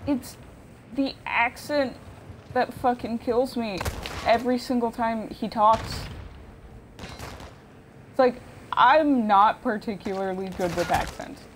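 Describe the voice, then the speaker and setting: A woman's voice: slow pace, pauses often, slight background noise. A woman streaming a game, talking casually to herself with a lot of swearing and exasperation. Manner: profane, exasperated. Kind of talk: casual gameplay commentary. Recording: low-quality stream audio with gunfire.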